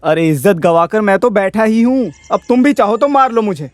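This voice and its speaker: An actor dubbing a stubborn, self-pitying old village money lender in a film. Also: male voice, high-pitched, normal speed, dry recording, lightly acted. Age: older. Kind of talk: dubbed film dialogue.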